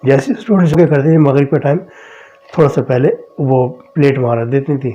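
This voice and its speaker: Mellow-voiced man telling personal stories. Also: medium pitch, fairly even intonation. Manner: conversational, retells dialogue with frequent "I said". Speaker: podcast host telling his own experiences. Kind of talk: casual personal storytelling. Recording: dull lo-fi recording.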